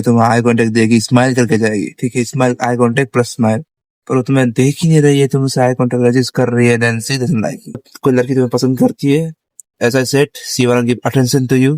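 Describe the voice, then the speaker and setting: A man's voice: medium pitch, a little mellow, dry recording. A young man giving casual dating advice, chatty and laughing often, mixing Hindi and English and calling the listener bro.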